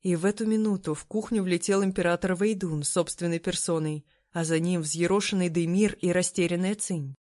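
An audiobook narrator reading a first-person story in a steady, even way. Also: mid-range voice.

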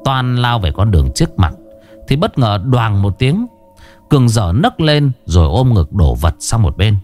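A man's voice: fairly low pitch, normal speed, faint music behind. A man narrating a crime story in a dramatic, scripted way. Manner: expressive, dramatic.

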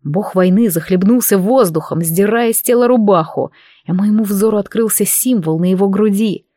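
A woman narrates a fantasy novel in the first person, reading in a steady, even manner. Her voice sits in a mid-range register. The recording is close and dry, with no room sound. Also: medium pitch, moderate pace, dry recording. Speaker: audiobook narrator.

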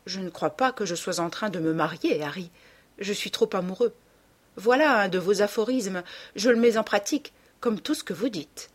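A woman's voice: medium pitch, normal speed, close to an everyday voice. A woman reading an audiobook and voicing a shy, earnest young man in love.

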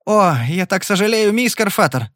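A man voicing a cool, sarcastic young male cardsharp in a Western audiobook, smooth-talking and mocking. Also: on the high side, lively intonation, a little fast, fairly bright tone, no echo, clean studio sound.

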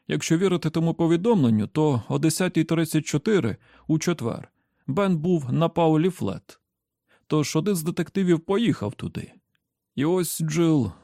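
A shrewd older man laying out his reasoning in a measured, deliberate way, read by a male audiobook narrator. The voice is slightly high but mellow, with a gravelly fry. The recording is dry and close. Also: no echo. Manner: measured, explaining step by step. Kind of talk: audiobook character voice.

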